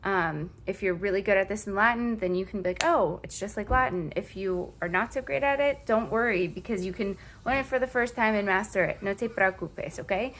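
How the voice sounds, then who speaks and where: A woman's voice: medium pitch, a little fast, few pauses, fairly bright tone, slight background noise. A woman teaching a recorded Spanish lesson, mixing Spanish phrases into her English explanations and often checking in with a reassuring "okay?".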